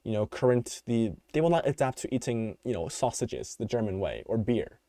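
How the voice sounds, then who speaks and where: A young American man hosts a solo podcast, offering unscripted opinions in a rambling style packed with fillers and restarts. His mid-range, dark-toned voice is animated and moderately paced but growing tired. The studio sound is clean with no echo.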